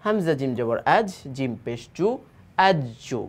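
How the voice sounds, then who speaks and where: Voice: medium pitch, animated. A teacher with a Bangladeshi Bengali accent, patiently spelling out Arabic syllables in a Quran reading lesson. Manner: patient, slow, syllable-by-syllable drilling.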